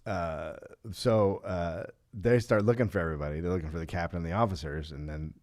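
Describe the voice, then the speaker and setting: A man hosting a comedy podcast, telling a history story casually with halting speech, many restarts and ums. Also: sits low, darkish tone, no room sound, clean studio sound.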